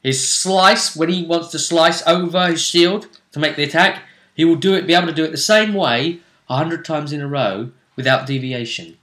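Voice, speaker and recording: In an echoey, roomy room, a man who serves as game master and vidcast host casually goes over a tabletop role-play tournament. He speaks at normal speed in a slightly high, somewhat bright voice, dramatic and emphatic, with phrases repeated for effect.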